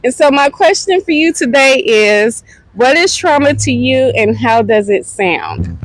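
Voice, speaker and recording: A woman's voice: high voice, big pitch swings, a little slow, no echo, poor audio. A woman hosting an outdoor interview in front of a restaurant, affirming her guest and restating her answers back to her. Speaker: podcast host interviewer. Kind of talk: on-location interview.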